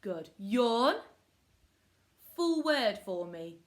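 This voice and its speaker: A woman's voice: fairly low pitch, measured pace, a bit bright. A woman teaching a children's phonics lesson, giving short prompts, modelling words syllable by syllable and praising often. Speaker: primary school teacher.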